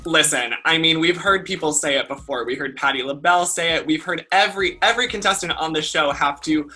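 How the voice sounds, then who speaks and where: A man's voice: a little high, a little fast, sharp tone. A man co-hosting an entertainment show, chatting casually and gushing as a fan, with music faint behind. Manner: enthusiastic, gushing fan talk.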